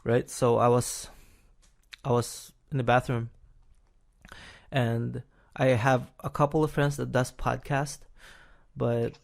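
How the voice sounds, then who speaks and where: A man's voice: medium pitch, flat delivery, slow, vocal fry. A man hosting a casual podcast chat, talking hesitantly with frequent fillers and restarts and chuckling as he talks. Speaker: podcast host.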